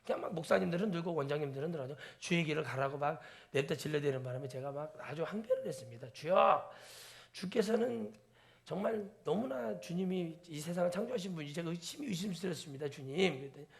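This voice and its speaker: A man pastor delivering a sermon in a church, asking the congregation questions and moving between soft near-whispers and loud exclaimed peaks. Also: a little high, animated, fairly quick, creaky. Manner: preaching with rhetorical questions to the congregation. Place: church sanctuary.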